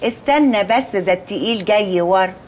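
An actress playing a boisterous, folksy middle-aged aunt in an Egyptian TV comedy, speaking Egyptian Arabic with theatrical rhyming quips. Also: female voice, mid-range voice, brisk, darkish tone, slight background noise, voice pushed down, natural voice. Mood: coaxing. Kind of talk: TV comedy series acting.

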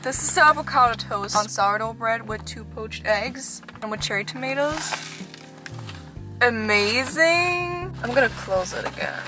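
A woman's voice: on the high side, normal speed, few pauses. A young woman from Canada chatting casually in a food vlog, bubbly and enthusiastic as she shows and tastes dishes. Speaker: food vlogger. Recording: music playing underneath.

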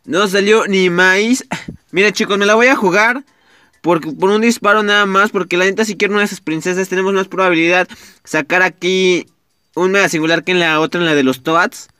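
A young man with a Mexican Spanish accent giving casual, excitable gameplay commentary, swearing often and talking straight to his viewers. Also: high voice, brisk, clear, resonant tone, dry recording, studio quality. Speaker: gaming YouTuber.

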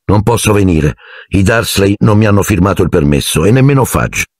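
A man's voice: lowish voice, lively intonation, fairly quick, darkish tone, no echo, studio quality, pitched above the performer's own voice. A man voicing a teenage schoolboy wizard who speaks in a glum, bitter way.

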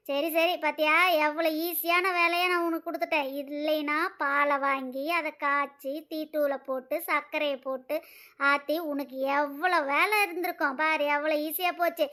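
A woman's voice: high-pitched, bright, forceful tone. A woman voicing a bossy, demanding older mother-in-law in a cartoon, scolding and complaining about her diet. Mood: mocking. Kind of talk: cartoon voice acting.

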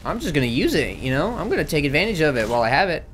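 A man's voice: on the high side, big pitch swings, racing, fairly bright tone, slight background noise. Rambling, jokey man doing game commentary. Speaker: gaming video host.

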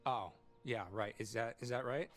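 A man's voice: mid-range voice, fairly even intonation, moderate pace, faint music behind, close to an everyday voice. A young man acting a cocky, exasperated camp counselor in a cinematic video game, with slangy, sarcastic, stammering delivery. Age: young adult.

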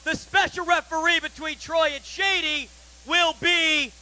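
A man's voice: very high voice, fairly even intonation, unhurried, pushed and bright. A young man playing the boss in a wrestling promo, making emphatic announcements with stretched-out words. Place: brick-walled indoor wrestling venue. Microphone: handheld microphone.

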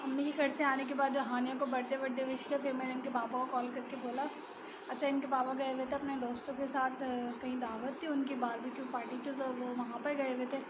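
A woman's voice: high voice, little pitch movement, brisk, heavy background noise. A young woman and mother chatting casually in a home vlog, talking in a loose, repetitive way. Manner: chatty, repeats herself, fills with "jo hai na". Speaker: vlogger and mother.

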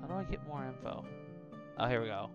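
A man's voice: mid-range voice, animated, fairly quick, highs cut off, loud music behind the voice. Swearing man streaming a game. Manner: swears often, thinks aloud. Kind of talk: casual gaming chat and reading game text aloud.

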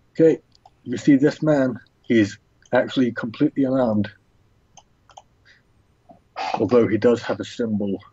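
A low-voiced man with a husky, mellow tone, narrating a tabletop game as game master. He talks in a relaxed way, pausing and thinking aloud. The sound is dry and dull, like a lo-fi recording. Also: no echo.

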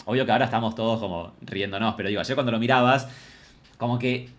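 Fast-talking Argentine man, gossipy. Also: mid-range voice. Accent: Rioplatense Argentine Spanish. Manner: fast, excitable, gossipy, chatty with viewers. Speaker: content creator reacting to a reality show. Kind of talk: casual reaction commentary.

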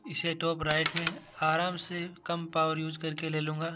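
A man's voice: a little high, monotone, moderate pace. A man hosting a gaming channel, talking casually through each shot of a mobile carrom match and calling the viewers "guys". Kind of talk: casual gameplay commentary. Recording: game music loud behind the voice.

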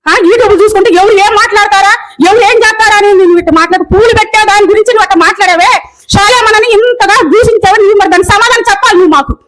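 Angry woman ranting super fast, high voice, keeps repeating herself. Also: a bit bright, low-quality recording. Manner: scolding, rapid and repetitive. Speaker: video commenter. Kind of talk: angry rant.

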